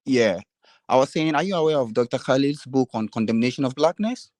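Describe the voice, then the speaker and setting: A man from Ghana calling in to a talk show, speaking politely and haltingly with many ums over a conference call line that keeps breaking up. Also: medium pitch, expressive, darkish tone, no room sound. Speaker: caller. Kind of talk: casual call-in chat.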